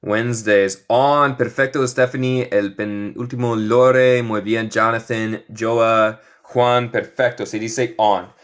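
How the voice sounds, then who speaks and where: A man teaches through in a live online lesson, speaking at a very slow, unhurried pace. His pitch sits in an ordinary middle range. He drills phrases patiently and switches easily between the two languages. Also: little pitch movement, smooth. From United States. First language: English. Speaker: English teacher.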